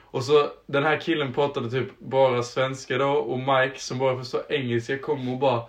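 A young man co-hosting a casual podcast, telling stories in an animated way. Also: mid-range voice. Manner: animated anecdote-teller. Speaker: podcast co-host.

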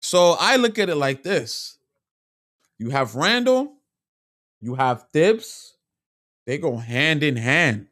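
Guy ranting about his team, voice jumping all over, kinda high, dry close sound. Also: takes it slowly, long pauses, no room sound. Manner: animated, frustrated, repetitive emphasis. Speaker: sports vlogger. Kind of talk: opinionated sports rant.

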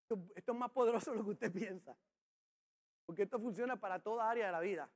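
Emphatic high-voiced preacher man. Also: fast talker. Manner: emphatic preacher, shouts key phrases, demonstrates with a child on stage. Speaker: pastor. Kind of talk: sermon.

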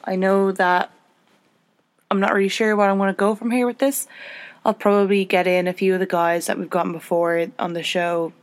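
A young woman hosts her podcast in easygoing, casual chat. She is chatty and self-deprecating, and her voice jumps up in pitch when she gets excited. The sound is dry and close, with no room in it. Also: moderate pace, smooth, no room sound. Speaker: podcast host.

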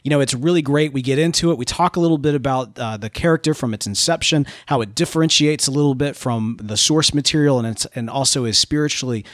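A man's voice: medium pitch, fast, hardly any pauses, dry recording, studio quality. A man with a tenor voice hosting a podcast, hyping up his guest with enthusiastic, geeky energy. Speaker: podcast host. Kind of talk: podcast interview and intro.

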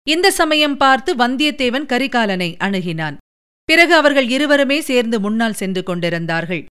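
A woman narrating an audiobook of a historical novel in an even, measured storytelling manner. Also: fairly high pitch, smooth.

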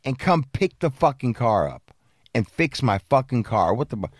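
A man's voice: mid-range voice, sing-song, normal speed, no room sound, studio quality. A man casually telling a long story on a podcast, swearing a lot and acting out the people he quotes.

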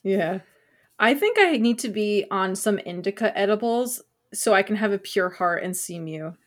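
A woman's voice: mid-range voice, lively intonation, normal speed. A woman with a New Jersey accent, co-hosting a podcast in casual group chat. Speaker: podcast co-host.

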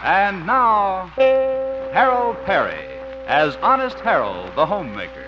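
A man's voice: high-pitched, very animated, takes it slowly. A man announcing and narrating a 1950s radio show in a scripted, period style. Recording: muffled old radio recording, music behind. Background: music.

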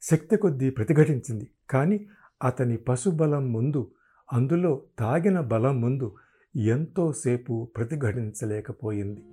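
A man reads a novel aloud as a podcast narrator, in a steady, dramatic storytelling voice. His tone is mellow and soft-edged. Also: mid-range voice, unhurried, husky.

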